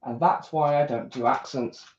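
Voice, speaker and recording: A woman's voice: extremely low pitch, fairly even intonation, normal speed, darkish tone, slight background noise. British woman, casual self-deprecating rambler, dull lo-fi mic. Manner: chatty, self-deprecating, talks to herself. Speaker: YouTuber building a model kit. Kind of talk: casual rambling chat while building. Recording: dull lo-fi recording.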